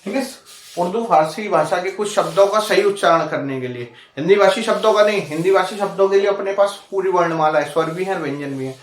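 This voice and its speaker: A man's voice: high-pitched, a little fast. A man teaching a Hindi grammar lesson for exam students. He explains step by step, repeats the example words, asks the class questions and keeps saying "okay" between points. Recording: echoey room, voice from far off the mic.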